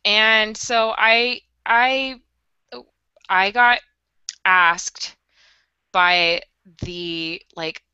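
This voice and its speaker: Tipsy, giggly young woman with a bright voice. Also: mid-range voice, very slow, pauses often, clean tone, dry recording, lo-fi sound. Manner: tipsy, giggly, chatty while drinking beer. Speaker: podcast co-host. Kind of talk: casual chat.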